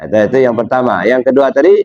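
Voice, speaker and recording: A man's voice: mid-range voice, expressive, fast, no room sound, dull audio. A man from Indonesia giving informal religious teaching, talking directly to a listener with rhetorical questions and frequent "ya, dah.".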